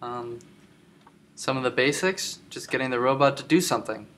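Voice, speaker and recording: A man giving a screen-recorded software tutorial, explaining step by step with many filler ums. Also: medium pitch, normal speed. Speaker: tutorial instructor.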